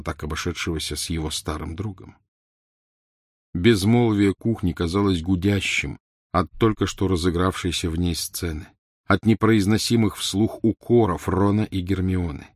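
A man narrating a novel aloud in a measured, even reading. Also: sits low, no room sound, clean studio sound. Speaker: audiobook narrator. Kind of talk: scripted narration.

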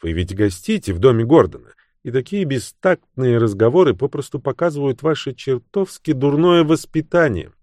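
A man reading the part of a cool, sharp-tongued young woman in an audiobook, raising his voice for her cutting, mocking lines. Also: mid-range voice, lively intonation, moderate pace, no echo, studio quality, voice pushed up, close to an everyday voice.

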